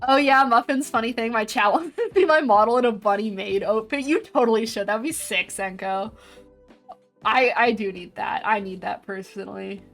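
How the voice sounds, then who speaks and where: A woman's voice: fairly high pitch, moderate pace, a bit bright. A woman in her twenties chatting casually with her stream viewers while drawing, reading their messages aloud and laughing often. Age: 20s. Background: faint background music.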